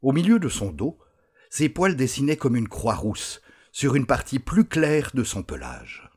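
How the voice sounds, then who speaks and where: A man reading a storybook aloud with expressive, unhurried storytelling. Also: mid-range voice, breathy edge. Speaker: narrator. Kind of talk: storybook narration.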